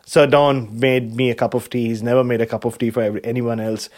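A man's voice: medium pitch, level tone, fast, darkish tone. A man with an Indian accent co-hosting a casual podcast, rambling hesitantly and playfully. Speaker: podcast co-host. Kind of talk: casual chat.

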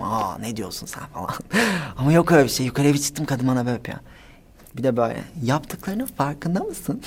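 Young man, 19, interview guest, casual storytelling, very animated pitch, giggles a lot. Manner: animated, giggly, acts out quoted people. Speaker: guest, social media personality.

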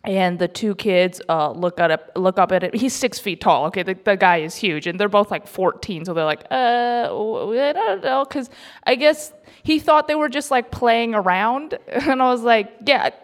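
A woman's voice: medium pitch, normal speed. A young woman comedian telling a self-mocking story on stage at a live event, chatty and laughing through her lines.

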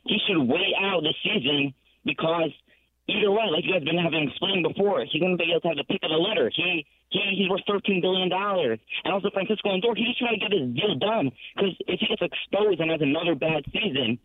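A man's voice: high-pitched, fast talker, breathy edge, no room sound. A man calling in to a radio sports talk show, eager and rambling as he makes his point over the phone line.

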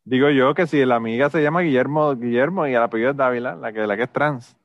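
A man's voice: medium pitch, quick pace, no room sound. A man chatting casually as podcast host, joking and repeating himself as he builds to a point. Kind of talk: casual chat. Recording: dull, dry sound.

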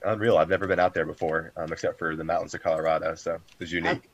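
A man's voice: sits low, little pitch movement, rapid-fire, dull audio. A man chatting casually as a storm chaser on a panel show. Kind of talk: casual chat.

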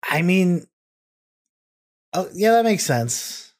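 A man's voice: high voice, big pitch swings, takes it slowly. A man with a slight Texan accent co-hosting a podcast, trading wry, sarcastic comebacks in a casual chat. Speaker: podcast co-host.

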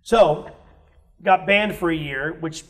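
A slightly high, somewhat bright male voice takes its time telling stories. He's a guest musician on a podcast, chatting casually and candidly about his past, swearing freely and mimicking the people in his anecdotes.

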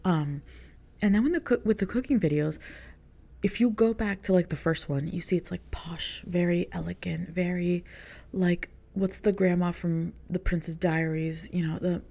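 A woman's voice: on the low side, steady tone, normal speed, vocal fry, mellow. A young woman, a content creator, talking casually in a rambling podcast monologue, filling her sentences with "like". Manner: rambling, heavy use of "like" as filler.

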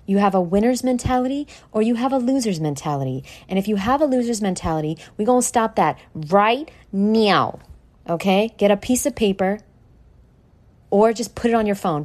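This podcast host is a woman recording at home in a condo, her voice medium in pitch and a little mellow. She's brash and foul-mouthed, addressing the listener directly with dramatic, drawn-out emphasis in a casual motivational show.

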